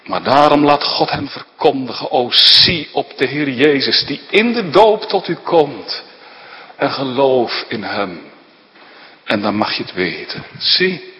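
Slow, lively male preacher in a reverberant church. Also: medium pitch. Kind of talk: sermon.

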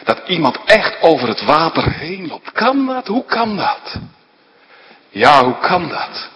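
A man's voice: fairly high pitch, very animated, slow pace, fairly bright tone, lo-fi sound. A man dramatically retelling a Bible story, asking his listeners rhetorical questions as a preacher. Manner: vivid, asks listeners rhetorical questions, tag "hè". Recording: long reverb of a large hall.

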